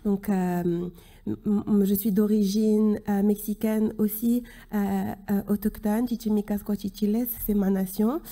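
A woman in her thirties giving a closing conference speech from a podium, earnest and halting, with many restarts. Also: mid-range voice, steady tone, warm tone. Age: 30s. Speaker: keynote speaker. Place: large conference hall stage at a podium. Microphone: podium microphone.

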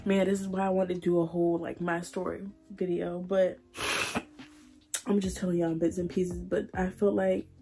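A young woman, crying and halting as she tells her story while doing her makeup. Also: lowish voice, little pitch movement, warm tone, faint music behind. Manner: emotional, halting, repeats herself. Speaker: beauty vlogger. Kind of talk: tearful get-ready-with-me chat.

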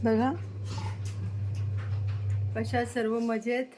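A woman's voice: a little high, little pitch movement, extremely slow, background noise. A woman vlogging casually at home, showing things around the house and coaxing her pets in a sing-song baby-talk voice.

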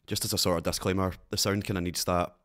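A man with a Glaswegian accent hosting a synth tutorial, talking in a relaxed, rambling way with plenty of fillers. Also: low-pitched, fast talker. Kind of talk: casual tutorial talk.

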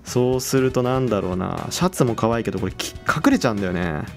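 Excitable chatty man with lively pitch. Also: quick pace, creaky, faint music behind. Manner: chatty, excitable, exclaims over items. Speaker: game channel host. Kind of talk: casual game commentary.

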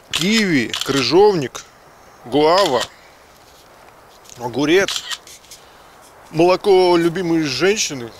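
A man's voice: a little high, a little hiss or hum. Blunt, swearing man in a park. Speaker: beer reviewer. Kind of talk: casual tasting chat. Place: outdoors in a city park.

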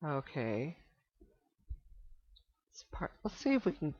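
Lady playing an old pc game, talks slow n easy, kinda dull lo-fi sound. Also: low-pitched, breathy edge, no room sound. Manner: relaxed, thinking aloud with pauses and restarts. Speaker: let's play host. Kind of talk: casual game commentary. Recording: slightly dull lo-fi desktop recording.

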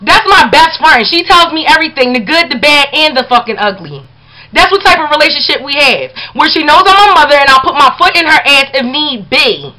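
A woman's voice: high-pitched, very animated, fairly quick, pushed and bright, poor audio. A middle-aged woman, a mother, ranting to the camera in an angry, profane, confrontational way. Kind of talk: casual vlog rant.

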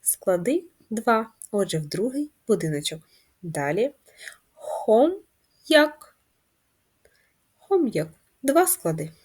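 A woman teaching a first-grade reading lesson, speaking patiently and clearly and stretching words into syllables. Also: on the low side, darkish tone. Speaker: primary school teacher.

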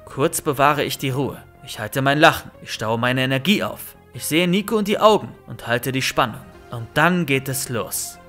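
A man reading a first-person horror story aloud in an expressive, lively storytelling manner. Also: mid-range voice, normal speed, few pauses. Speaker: narrator. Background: faint music.

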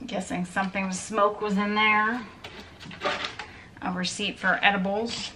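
A storage unit reseller vlogger in her thirties digs through an indoor metal unit, speaking to the camera in a medium-pitched, level voice at a slightly slow pace. There's background noise as she wryly thinks aloud about each item while sorting.

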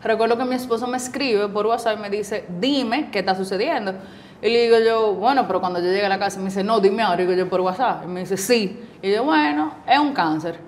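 A woman's voice: medium pitch, quick pace, slight background noise. A woman in her forties with a Dominican accent, a guest telling her story in a casual interview and acting out the voices of the people she quotes. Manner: lively storyteller who acts out quoted dialogue. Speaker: guest, cancer survivor.

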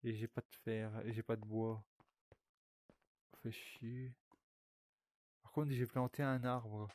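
A man's voice: medium pitch, level tone, takes it slowly, a little mellow. A young man, rambling casually to his viewers while playing a VR game, swearing often. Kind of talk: casual gaming commentary.

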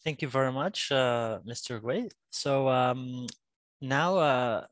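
A man's voice: mid-range voice, slow, no echo, studio quality. A man moderating an online question session with polite, tentative phrasing. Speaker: webinar moderator.

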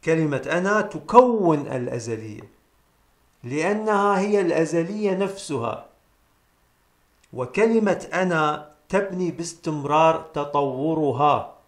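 A man gives a solemn metaphysical teaching in a somewhat high voice. He repeats his key phrases slowly for emphasis, and the sound rings around an echoey room. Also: expressive. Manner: addresses listeners as brothers and sisters. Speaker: presenter of a spiritual self-help series.

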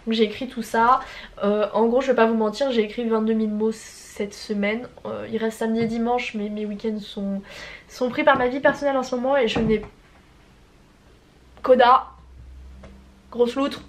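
A young woman in her twenties with a somewhat high voice and a stuffy nose. She talks in a loose, rambling vlog style, slangy and full of casual swearing. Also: steady tone, fairly quick. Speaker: writer vlogging her progress. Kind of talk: casual chat.

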